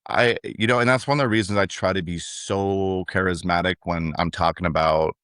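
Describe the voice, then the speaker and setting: A man with a very low voice tells a story on a podcast, slipping into the voices of the people in it. He sounds close to the mic, with a dry, unechoing sound and no room behind him. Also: normal speed, no echo. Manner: animated storyteller acting out others' lines. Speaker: podcast co-host. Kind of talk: casual conversational storytelling.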